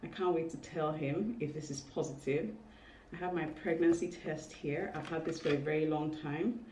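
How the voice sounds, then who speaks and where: A woman's voice: low voice, mellow. Candid emotional woman vlogging in a roomy space. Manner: emotional, candid, halting with small exclamations. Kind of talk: casual confessional vlog talk. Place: indoors in a home room. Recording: roomy, distant mic, faint noise.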